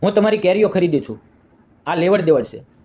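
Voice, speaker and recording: A man's voice: high voice, expressive, a little fast, mellow. A man reading the lines of a kind young village rickshaw driver, earnest and reassuring.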